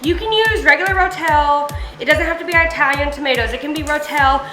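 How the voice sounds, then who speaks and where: High-pitched woman chatting through home cooking. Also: brisk, sharp tone. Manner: informal, rambling, swears casually. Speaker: home cooking video host. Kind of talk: casual, chatty cooking tutorial. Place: home kitchen, indoors. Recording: echoey room with background music.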